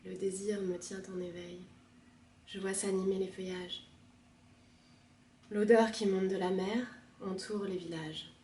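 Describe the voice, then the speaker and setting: A woman librarian reading a poem aloud in a measured, soft expressive manner. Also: medium pitch, far from the mic, a little hiss or hum. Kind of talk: poetry reading. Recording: roomy, from the mic.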